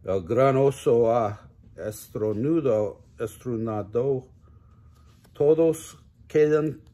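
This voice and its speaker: An older man, a grandfather, reading a children's picture book aloud slowly and gently, stumbling now and then and correcting himself. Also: on the low side, breathy edge. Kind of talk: children's story read-aloud.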